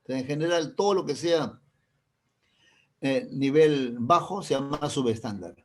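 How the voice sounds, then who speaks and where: A man's voice: medium pitch, animated, measured pace. A male teacher with a Peruvian accent, giving a classroom lecture, often checking in with his students and explaining through everyday examples. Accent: Peruvian Spanish.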